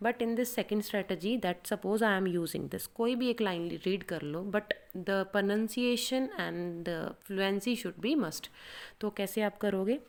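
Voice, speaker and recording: Woman, friendly exam coach, casual explainer who slows right down to model each sample sentence. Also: mid-range voice. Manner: reads sample sentences aloud very slowly and deliberately; friendly, addresses learners as beta. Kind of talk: casual Hinglish teaching.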